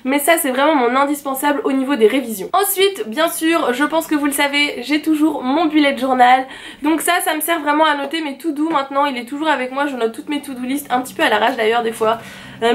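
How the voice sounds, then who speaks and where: High-voiced chatty young woman vlogger. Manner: chatty and enthusiastic, gushing. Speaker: planner vlogger. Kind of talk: casual product show-and-tell.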